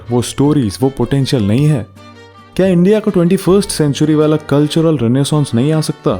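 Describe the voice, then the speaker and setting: A man's voice: medium pitch, warm tone. A man with an Indian accent hosting a casual commentary video in a rhetorical, teasing manner. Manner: rhetorical, teasing, mixes Hindi and English slang. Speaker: video essay host.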